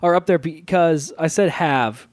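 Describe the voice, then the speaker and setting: A man's voice: fairly high pitch, a little slow, dry recording. A man hosting a casual chat show, joking and rambling and laughing often. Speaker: podcast host.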